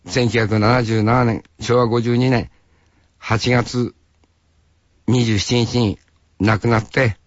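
A radio host in his sixties from Hokkaido, Japan, talks straight to the listener in a rambling, folksy monologue. His mid-range voice is fairly even and slow, with frequent pauses, and the recording is lo-fi with no echo.

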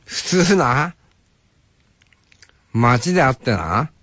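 An older man with a Hokkaido accent hosts a radio show, drawling slowly through a relaxed, musing monologue. He chats half to himself and drops playful imitations of greetings. The sound is dull and lo-fi, close and dry, like an old broadcast. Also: mid-range voice, no room sound. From Hokkaido, Japan. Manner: slow, musing, talks to himself and mimics greetings. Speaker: radio host.

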